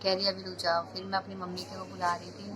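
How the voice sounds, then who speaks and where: A woman's voice: lowish voice, completely flat delivery, quick pace, noisy background. A young woman, a mother, chattily narrating a home video of her daughter in casual voice-over.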